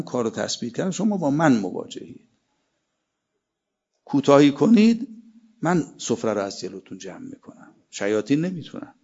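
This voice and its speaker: A man's voice: lowish voice, gravelly, a little mellow, husky. A man giving a religious sermon, reciting Arabic verses between emphatic stretches of preaching. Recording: dull lo-fi sermon recording.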